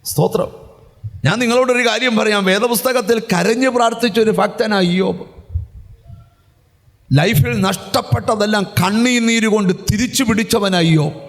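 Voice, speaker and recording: High-voiced preaching man in a hall. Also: normal speed. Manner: preaching with frequent refrains of praise. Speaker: pastor. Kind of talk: sermon. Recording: hall reverb, church sound system.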